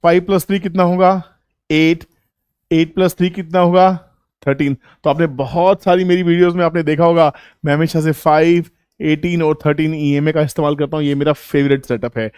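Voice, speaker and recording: A man's voice: on the high side, fairly even intonation, fairly quick, a little mellow, clear, resonant tone, dry recording, studio quality. A man teaching viewers. He asks them questions and answers them himself, coaxing them along. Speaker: trading educator. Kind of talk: explaining to viewers.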